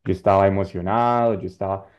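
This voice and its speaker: A man's voice: deep voice, steady tone, fast, lo-fi sound. A man teaching an English class online in Spanish, patient and encouraging as he explains and corrects students.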